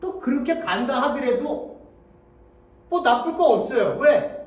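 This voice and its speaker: A male pastor preaching a sermon, moving between hushed tones and loud rhetorical questions. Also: very high-pitched, animated, a little slow. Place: church sanctuary. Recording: echoey church hall, mic from a distance.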